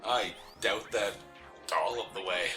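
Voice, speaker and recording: A man with a lowish voice and measured pace co-hosts a gaming let's play, offering casual chat and game commentary laced with joking, teasing banter. He's from a city, with family roots in the mountains. The room echoes, and faint game music is audible.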